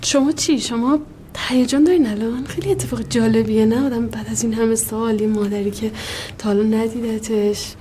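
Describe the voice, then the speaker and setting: An actress plays a woman pressing a hesitant man to go and see his mother, in a TV drama scene. Her voice sits fairly high but sounds mellow and dark-toned, and her talk is earnest and persuasive. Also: fairly even intonation, a little hiss or hum, lightly acted. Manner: insistent, reassuring. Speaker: go-between for a mother and her long-lost son. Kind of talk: TV drama dialogue.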